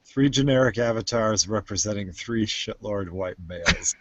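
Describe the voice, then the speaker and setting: A man's voice: on the low side, moderate pace, lo-fi sound, heavy background noise. A man chatting casually as co-host of a live stream, rambling with lots of restarts and fillers, recorded on a home computer mic. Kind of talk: casual chat.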